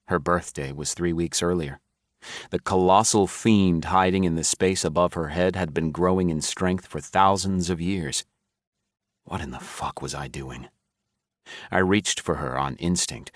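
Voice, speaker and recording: With a wry, self-mocking edge, a man narrates a first-person audiobook. His very low voice is unhurried, and the read is close and dry with no room sound.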